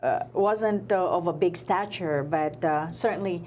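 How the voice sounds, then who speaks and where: Woman, talk show host, low-ish voice, halting speech, faint noise. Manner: hesitant, many uh fillers, warm praise. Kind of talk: casual interview.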